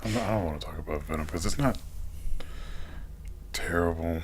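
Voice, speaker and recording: A man's voice: a bass voice, lively intonation, rapid-fire, slight background noise. A man co-hosting a casual podcast, talking about movies bluntly and dismissively. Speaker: podcast co-host.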